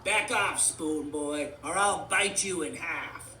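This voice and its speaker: A stubborn little shark toy from a storybook, played by a storyteller, barking out bluster at high volume. It is menacing and insistent, heard in a roomy recording. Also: takes it slowly, bright, forceful tone, a little hiss or hum. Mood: blustering threats. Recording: roomy, distant mic.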